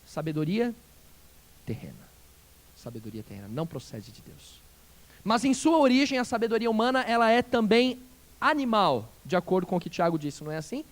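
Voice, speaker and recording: A male pastor preaching a sermon, asking the congregation questions and swinging between loud emphatic phrases and quiet dropped endings. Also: high voice, very animated, fairly quick. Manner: asks the congregation rhetorical questions.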